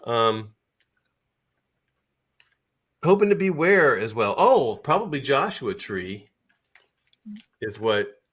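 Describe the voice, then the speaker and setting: A man's voice: medium pitch, sing-song, slow pace, a bit bright, slightly rough. A man hosting a casual livestream chat, talking easily and laughing often. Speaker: livestream host.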